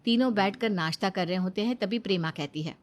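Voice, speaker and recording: A woman narrating a scripted cartoon story in an even, clear storytelling manner. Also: medium pitch, brisk.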